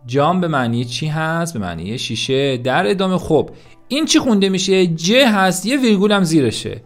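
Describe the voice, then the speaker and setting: A man with a slightly high, gravelly voice teaches an online language lesson, upbeat and encouraging. He speaks straight to his students and stresses key points by saying them again and again. Faint music plays underneath. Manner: energetic, addresses students as "kids", repeats words for emphasis.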